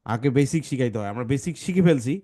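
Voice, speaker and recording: A man's voice: mid-range voice, expressive, quick pace, warm tone. A man teaching English phonics to a children's class, patiently correcting pronunciation sound by sound.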